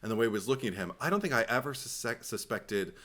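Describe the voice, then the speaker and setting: A man with a bright, forceful voice in casual podcast chat about a film. He is animated, quick to agree and laughs often. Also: medium pitch. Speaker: podcast co-host.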